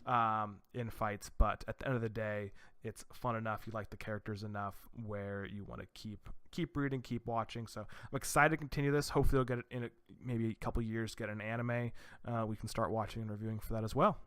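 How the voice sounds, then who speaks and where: Smooth-voiced rambling male podcast host. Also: fairly low pitch, steady tone, a little fast, a bit bright, dry recording. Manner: rambling, enthusiastic, many restarts. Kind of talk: casual chat.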